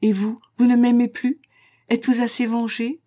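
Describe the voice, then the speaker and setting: Ardent, proud young man read by a woman, warm mellow voice, dry sound. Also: a little high, level tone, moderate pace, no echo, natural voice. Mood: impassioned.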